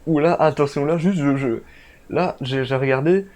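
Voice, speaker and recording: A young man co-hosting a horror video, reacting excitedly in slang and reading a legend aloud. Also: a little high, moderate pace, slight background noise. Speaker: co-host. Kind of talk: casual chat and storytelling. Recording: music playing behind.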